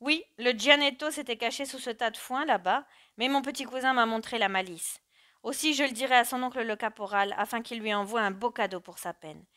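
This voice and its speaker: A woman's voice: on the high side, brisk, sharp tone. A woman voicing a boastful, self-satisfied male soldier.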